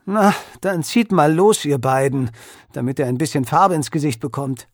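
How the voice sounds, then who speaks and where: Guy doing a scolding mom, brisk, a bit husky, dry close sound. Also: a little high, no echo. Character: caring but strict mother.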